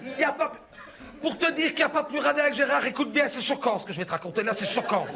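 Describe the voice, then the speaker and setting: A man's voice: very high voice, fast talker, gravelly, crowd noise. A man performing a chatty, gossiping middle-aged mother with a Belgian French accent, in a rambling stand-up monologue. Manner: rambling, gossipy, confiding, full of "hein" and "écoute bien". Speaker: stand-up comedian in character.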